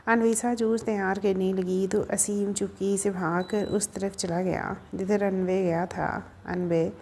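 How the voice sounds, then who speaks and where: A woman's voice: medium pitch, warm tone, a little hiss or hum. Woman narrating a Hindi audio story.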